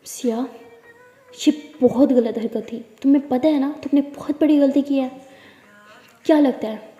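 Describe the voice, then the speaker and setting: A woman's voice: high-pitched, a little slow, dark tone, muffled recording. A woman voicing a stern middle-aged aunt who scolds and interrogates sharply, in an echoey room. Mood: stern scolding. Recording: echoey room with long reverb.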